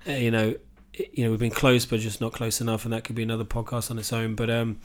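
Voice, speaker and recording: A man hosting a casual sports podcast, talking in a rambling, halting way with plenty of "you know". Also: medium pitch, little pitch movement. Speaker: podcast host.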